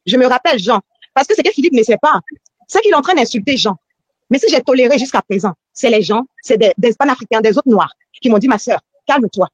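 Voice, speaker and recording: Une femme invitée qui raconte une arnaque, par téléphone, d'une voix rapide, hésitante, pleine de reprises et d'hésitations. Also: female voice, on the high side, lively intonation, slightly rough, no room sound. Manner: rapid, halting, with many restarts and fillers. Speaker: guest recounting being scammed. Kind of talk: emotional storytelling on a call. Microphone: phone call. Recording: muffled phone-quality call.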